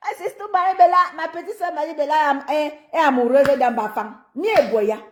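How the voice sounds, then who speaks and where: A woman with a Cameroonian French accent talking casually on a live stream, animated and teasing, laughing often and greeting her viewers by name. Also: high-pitched, a little fast.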